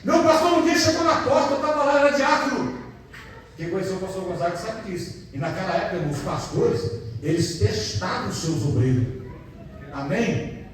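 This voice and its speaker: Brief: Brazilian male pastor, very high-pitched preaching voice, telling stories and asking the brothers for amens, heard from well back in a booming church hall. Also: lively intonation, moderate pace, slight background noise. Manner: addresses the congregation as brothers, asks for amens. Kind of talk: preaching sermon with personal testimony. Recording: very echoey church hall, mic far off.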